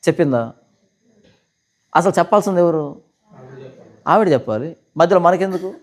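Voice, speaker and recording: High-voiced pastor firing rhetorical questions. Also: male voice. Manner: argumentative, fires rhetorical questions. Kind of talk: heated question-and-answer session.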